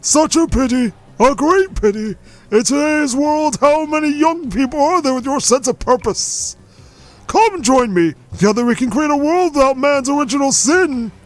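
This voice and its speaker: A man's voice: extremely high pitch, expressive, moderate pace, soft background music, voice pushed up. A man doing a preachy old cult leader. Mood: beckoning. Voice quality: generic put-on old man voice. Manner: preachy, scolding. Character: grandiose old male cult leader, scornful.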